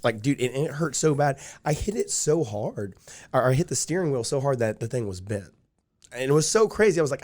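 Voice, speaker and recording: Here a young male podcast guest, mid-range in pitch with a darkish tone, rambles through a long personal story. The conversation is casual, and fillers like "like" and "dude" come up constantly.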